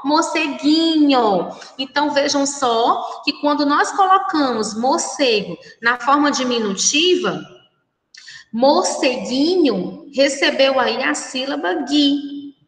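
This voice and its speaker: A Brazilian woman teaching young children in a recorded remote lesson, speaking slowly and patiently with a sing-song delivery. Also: sits high, reverberant, big-room sound, rough recording. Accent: Brazilian Portuguese. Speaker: primary school teacher.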